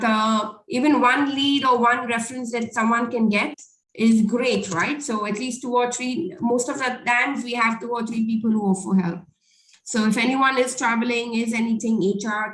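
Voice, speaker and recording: Brisk female meeting host, slightly high voice, echoey room sound. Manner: brisk, directive, coaching. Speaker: host of a business networking call. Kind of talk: casual online meeting moderation.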